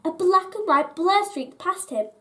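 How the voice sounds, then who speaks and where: A woman narrates a children's bedtime story aloud as a storyteller. Her voice is high and her pace very measured, with an expressive, deliberate delivery.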